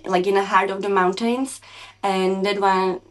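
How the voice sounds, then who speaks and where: Slovak-accented woman, halting guest chat. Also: medium pitch, fairly even intonation, poor audio. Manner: halting, with many fillers and restarts. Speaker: podcast guest, snow biker. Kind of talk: casual interview chat.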